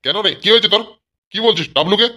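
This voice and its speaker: A man's voice: high voice, expressive, quick pace, bright, forceful tone. A man voicing a scolding, exasperated father who sells vegetables, in a cartoon. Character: grumpy father, vegetable seller. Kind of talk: cartoon voice acting.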